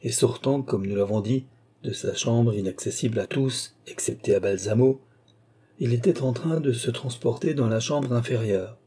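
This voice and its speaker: A male audiobook narrator reads a classic novel in a measured, steady voice. His tone is dark and mellow, with a husky grain. He keeps an unhurried, even delivery through long sentences. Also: mid-range voice. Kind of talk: scripted literary narration.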